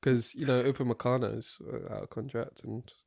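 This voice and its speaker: A man's voice: mid-range voice, steady tone, normal speed, creaky, darkish tone, no echo, studio quality. A young man, co-hosting a football chat and moving things along with casual questions. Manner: easygoing, poses topics as questions. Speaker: podcast co-host asking questions.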